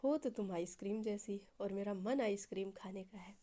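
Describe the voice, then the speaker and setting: A woman's voice: mid-range voice, normal speed, dark tone, close to an everyday voice. A woman storyteller voicing a shy young woman in love who gets coy and flustered when teased. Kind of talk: storytelling with acted dialogue.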